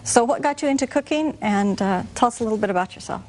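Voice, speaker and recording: A woman's voice: fairly high pitch, expressive, quick pace, darkish tone. A woman hosting a studio cooking show, chatting with a guest and reading out recipe ingredients. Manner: friendly, reads recipe lists steadily.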